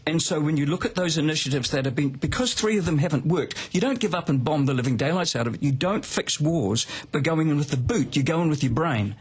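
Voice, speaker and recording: A man's voice: fairly high pitch, lively intonation, quick pace, few pauses, husky. A man on a discussion panel, giving his opinions in colloquial language.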